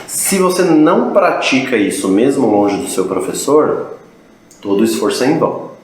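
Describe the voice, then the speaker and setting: A man's voice: mid-range voice, very animated, moderate pace. Brazilian man explaining in an echoey room. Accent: Brazilian Portuguese. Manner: explanatory, advising, repeats phrases for emphasis. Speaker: English teacher guest. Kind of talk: podcast conversation. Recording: very echoey room, faint noise.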